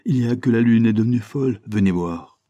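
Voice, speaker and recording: Man voicing an excitable retired sea captain, raised pitch, declamatory, mellow dark tone. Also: a little fast, no echo, lightly acted. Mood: alarmed.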